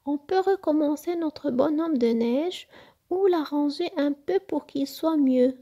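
A woman's voice: high voice, unhurried, voice pushed up. Cathy, a woman doing a wise little fox boy. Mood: gentle. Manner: gentle, reassuring.

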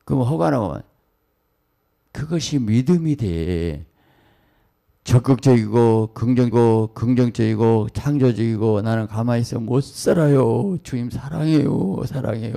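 Low gravelly excitable Korean pastor. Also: male voice. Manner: excitable, rapid-fire exclamations and asides; hurried, fragmented preaching. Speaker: senior pastor. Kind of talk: dawn prayer sermon.

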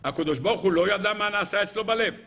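A man, a rabbi, giving a Torah lecture in an animated way, asking rhetorical questions and speaking directly to his listeners. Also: high-pitched.

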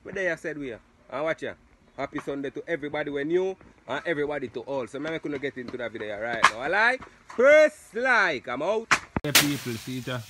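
A young man with a Jamaican accent chatting excitedly to a phone camera in an outdoor yard as he hosts a cooking vlog. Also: a little high, fairly quick. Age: young adult. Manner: excited, loud patois banter to camera. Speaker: vlogger. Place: outdoor yard among banana trees. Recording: loud outdoor background noise.

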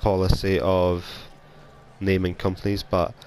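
This young gaming YouTuber from Scotland has a cold and casually rambles, often at his own expense, while he plays a video game. His low, monotone, slightly mellow voice moves unhurriedly, recorded on a console headset mic with slight background noise.

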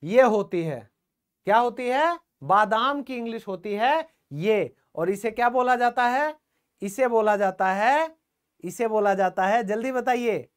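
A man teaching English in an online classroom lesson. He asks the class questions, answers them himself, and repeats the key words. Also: very high voice. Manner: calls the viewers "friends" often and repeats key words.

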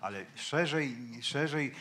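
A man's voice: a little high, animated, slow pace, pushed and bright, a little hiss or hum. A man speaking as a linguist on a panel debate, explaining points to an audience in a lecturing way. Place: event hall with an audience.

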